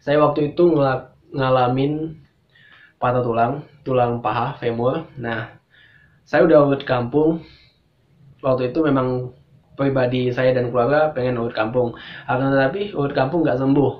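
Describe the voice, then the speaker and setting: A man's voice: mid-range voice, steady tone, moderate pace, long pauses. A young man telling a personal story in a casual vlog, quoting others and repeating "katanya" as he goes. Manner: conversational, quotes others and keeps adding "katanya". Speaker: YouTuber. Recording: echoey, dull lo-fi room recording.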